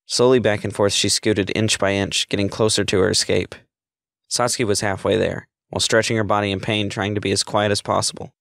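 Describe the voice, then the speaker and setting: Male storyteller, low pitch, gravelly tone, dry close sound. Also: flat delivery, fairly quick, a bit bright, no echo. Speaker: narrator. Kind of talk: reading a story aloud.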